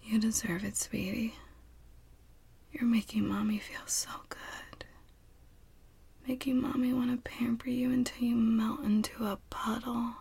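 A woman in a whispered role-play, playing a doting, teasing partner who soothes and coos to another adult in an intimate, breathy, husky voice. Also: on the high side, level tone, a little slow, long pauses, mellow.

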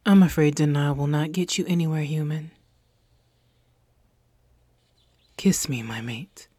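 A woman's voice: sits low, steady tone, brisk, mellow, dry recording. A woman playing a possessive, seductive female alien in an audio roleplay, teasing and commanding in a whispery voice.

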